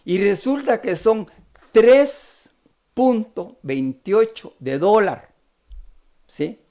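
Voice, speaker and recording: Retelling a parable in a sermon, a high-voiced man with a Costa Rican Spanish accent speaks very slowly. He's animated, performing the pleas of the story's characters.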